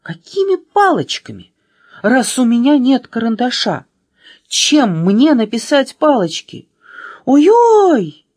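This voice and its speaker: A woman voicing a clever, quick-tempered young girl in a children's story, raising her voice high and sounding excited. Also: breathy edge, no room sound, studio quality, full character voice. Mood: panicked. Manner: high, excited, sometimes mocking.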